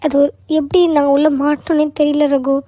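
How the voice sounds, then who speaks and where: A woman's voice: sits high, monotone, fairly quick, mellow, no echo, studio quality, close to an everyday voice. Woman voicing an apologetic young cartoon woman. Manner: apologetic, explaining. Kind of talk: cartoon voice acting.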